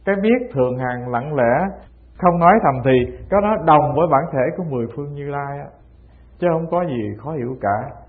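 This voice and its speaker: A man's voice: on the high side, normal speed. A man, a Buddhist teacher giving a Zen dharma talk and acting out the dialogues of old masters as he tells their stories. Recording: tinny phone-like sound.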